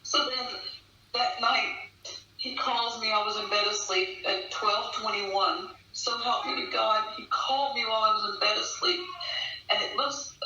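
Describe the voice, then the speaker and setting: A woman with a bright, forceful voice recounts a personal experience in earnest. She stresses points by repeating phrases. The sound is very echoey and somewhat distant from the mic. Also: fairly high pitch. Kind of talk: earnest personal testimony in conversation. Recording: echoey, distant, dull online call with faint noise.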